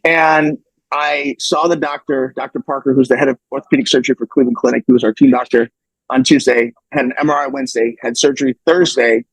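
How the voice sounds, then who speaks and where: A man's voice: medium pitch, steady tone, quick pace, slightly rough, no room sound, poor audio. A middle-aged man, a former wrestler, telling a story casually and animatedly, repeating words and acting out what people said. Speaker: podcast guest, former wrestler.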